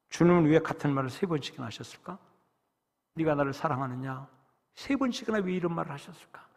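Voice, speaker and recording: A man preaching a sermon as pastor, dramatic, rising to loud exhortation and dropping to hushed whispers. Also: on the high side. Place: church sanctuary. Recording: long reverb of a church hall.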